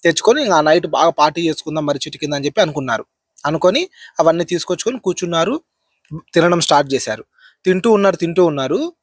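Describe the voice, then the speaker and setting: Man, horror storyteller, casual retelling, dry close sound, brisk delivery. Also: fairly high pitch, lively intonation, slightly rough, dry recording. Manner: chatty, keeps tagging sentences with a filler and repeating phrases. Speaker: horror storyteller, channel host.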